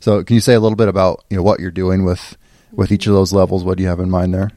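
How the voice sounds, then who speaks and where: A man's voice: low voice, flat delivery, quick pace, warm tone, dry recording, studio quality. A man hosting a church podcast, talking in a casual, chatty way with frequent restarts. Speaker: podcast host.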